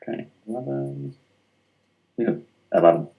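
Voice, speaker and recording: A man's voice: medium pitch, animated, unhurried, gravelly, mellow. A man with a laid-back, hesitant manner, playing a character in a tabletop game. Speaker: player. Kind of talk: casual tabletop play.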